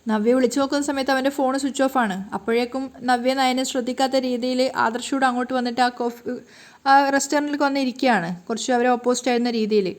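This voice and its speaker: A woman retelling a serial story in fast narration. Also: sits high, steady tone.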